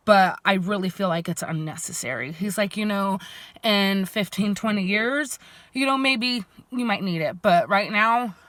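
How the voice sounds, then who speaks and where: Young mom vlogger, stuffy head cold, chatty, filler-heavy, dry close sound. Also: female voice, mid-range voice, fairly bright tone, no echo. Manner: chatty, many ums and likes. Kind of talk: casual chat.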